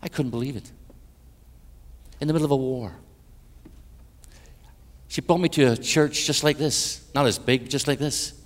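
Irish guest preacher, mid-pitched man, dramatic loud-to-hushed delivery, long church reverb. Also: normal speed, long pauses. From Ireland. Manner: dramatic, swings between loud emphatic peaks and hushed low passages; wry humorous asides. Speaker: guest preacher, minister to Europe. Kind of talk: evangelistic sermon with personal testimony. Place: large church sanctuary.

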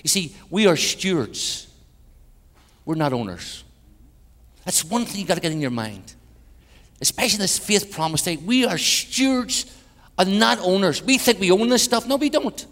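An Irish man preaching an evangelistic sermon with personal testimony in a large church, swinging between loud emphatic peaks and hushed passages, with wry humorous asides. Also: high-pitched, animated, moderate pace, pauses often. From Ireland. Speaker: guest preacher, minister to Europe. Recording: church hall with long reverb.

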